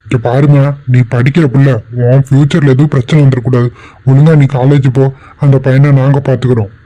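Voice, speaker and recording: A man's voice: medium pitch, flat delivery, fairly quick, warm tone, natural voice, poor audio. An actor playing a callous man who brushes off a young woman with curt, dismissive talk. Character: callous man leaving an injured stranger.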